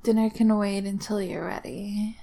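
A woman voicing a devoted, adoring tentacled female creature, speaking in slow, breathy whispers in an intimate audio roleplay. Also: medium pitch, lightly acted. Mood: tender whisper. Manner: slow breathy whispering, calls listener master. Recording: steady background hiss.

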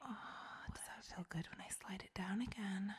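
A woman voicing a seductive, domineering goddess in an adult whispered role-play, with a breathy, creaky goddess voice and a commanding, sensual manner. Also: mid-range voice, moderate pace. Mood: teasing, sensual.

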